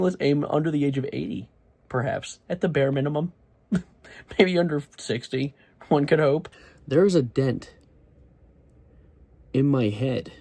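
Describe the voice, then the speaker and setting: Sitting in a small bedroom fitted with acoustic foam, a young man vlogs a casual comedic monologue to camera. His medium-pitched voice has a dark tone, and he rambles sarcastically from one topic to the next.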